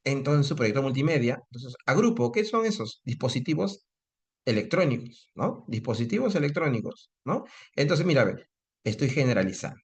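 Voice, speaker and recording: A man's voice: mid-range voice, very animated, brisk. A man teaching a class on reading comprehension, explaining step by step and checking in with frequent tag questions. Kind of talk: online lecture on reading comprehension.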